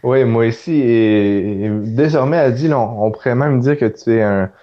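A man from Canada, hosting a casual podcast interview and thinking aloud with many pauses. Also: medium pitch, dull audio. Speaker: podcast host.

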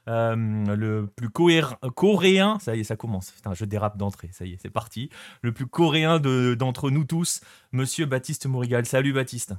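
A man hosts a live-streamed show, talking casually and warmly to viewers in the chat, his delivery full of small hesitations and restarts. His voice sits at an ordinary middle pitch. The sound is dry and close, with no room echo. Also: lively intonation, normal speed. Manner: chatty, hesitant with many fillers, greets chat viewers. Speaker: host.

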